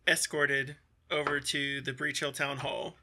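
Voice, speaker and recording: A man narrating as game master, describing scenes in a relaxed, halting way with many fillers. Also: mid-range voice, a little hiss or hum.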